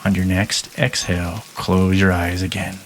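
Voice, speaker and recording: A man guiding a listener through a hypnosis induction in a soft, calm, measured way with long pauses. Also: deep voice, slight background noise.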